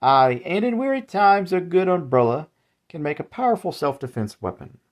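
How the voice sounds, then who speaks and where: A man's voice: on the high side, big pitch swings, moderate pace, voice pushed up. A man voicing an old male umbrella salesman who is polite and sinister, with courtly, folksy, old-fashioned phrasing.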